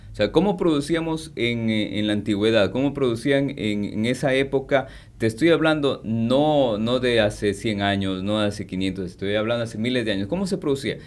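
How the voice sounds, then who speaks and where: A man explains his points on a talk radio program in a lecturing manner, building each argument step by step. His voice sits at a middle pitch. He sounds steady and instructive. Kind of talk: explanatory talk show discussion.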